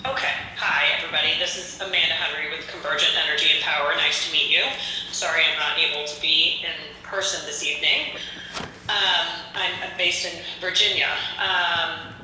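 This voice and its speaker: A woman giving a business presentation over a speakerphone into a meeting room, halting, with many fillers. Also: low-pitched, steady tone, sharp tone, a little hiss or hum. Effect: heard over a speakerphone in the meeting room. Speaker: remote presenter for a company. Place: remote location, heard through a room speaker. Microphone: phone on speakerphone. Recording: speakerphone played into an echoey meeting hall.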